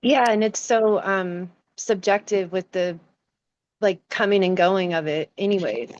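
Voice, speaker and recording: A woman on a video call, her voice sounding dull and dry through the line. She answers briefly and hesitantly, with small pauses as she describes what she feels. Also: mid-range voice, dry recording. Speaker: session participant.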